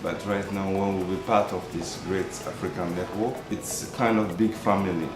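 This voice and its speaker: Deep-voiced man over music. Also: steady tone, moderate pace. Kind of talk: informal interview testimony. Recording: echoey room with music behind.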